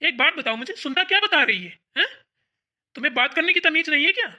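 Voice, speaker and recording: A protective elder brother in a cartoon family story, as a performer plays him, doting on his sister and quick to scold. His voice sits high for a man and sounds very bright and sharp. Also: animated, a little hiss or hum, full character voice. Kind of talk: cartoon voice acting.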